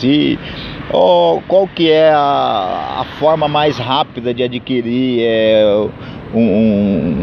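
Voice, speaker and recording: Brazilian man teaching English numbers. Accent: Brazilian Portuguese. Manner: repeats numbers in Portuguese and English, many fillers. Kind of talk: informal spoken English lesson. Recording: dull low-fidelity audio with faint street noise.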